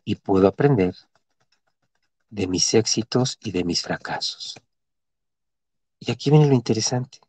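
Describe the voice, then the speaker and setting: A middle-aged man guiding a body-movement and mantra session, giving calm repeated cues and chanting vowels for listeners to follow. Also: lowish voice, a little slow, long pauses, breathy edge, no echo. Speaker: meditation and breathwork guide.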